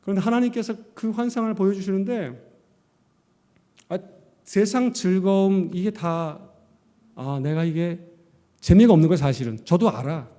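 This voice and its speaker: Man, pastor, sermon, mellow tone, animated storytelling, echoing church. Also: high-pitched, moderate pace, long pauses. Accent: Korean. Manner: animated storytelling, acting out his own past words. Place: church sanctuary.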